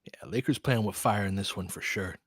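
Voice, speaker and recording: In a fairly low, slightly rough voice, a basketball play-by-play host and coach moves briskly through casual live commentary. He chats with listeners, swears mildly and tacks on trailing asides, and the clean studio sound has no room reverb.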